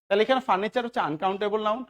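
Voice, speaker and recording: A male tutor from Bangladesh runs an English grammar class for job-exam students. His voice sits high, and he drills the room with quick questions that he answers himself. He grows louder and more emphatic when he stresses a key rule. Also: steady tone. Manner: keeps asking the class short check questions and answering them himself. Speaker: teacher.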